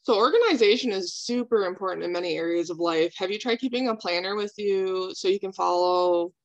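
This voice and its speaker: A slightly dull, lo-fi recording carries a woman in a counseling role-play. She speaks as a calm therapist at a middling pitch, reflecting back what she hears and gently asking open questions. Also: a little fast.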